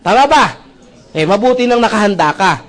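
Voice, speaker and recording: A man's voice: sits high, brisk. A man giving a live sales presentation to an audience. He jokes, keeps checking in with the crowd, and mixes English phrases into Filipino speech. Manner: jokey, animated, often asks the audience "right?". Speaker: seminar speaker presenting a business opportunity.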